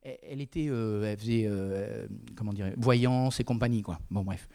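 A man's voice: lowish voice, moderate pace, mellow. A man preaching a sermon in a conversational way, with frequent asides to the congregation.

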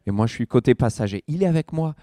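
A middle-aged man preaching a sermon as pastor in a church, lively, with rising emphasis and questions to the congregation. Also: medium pitch, quick pace, no echo, clean studio sound.

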